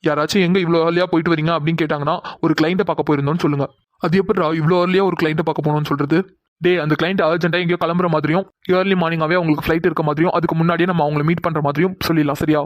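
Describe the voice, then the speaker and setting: Man for cartoon banter, rapid and a bit high, bickering tone. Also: fairly even intonation, no echo, lo-fi sound. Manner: quick, scolding banter. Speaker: voice artist for several young men. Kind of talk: cartoon dialogue.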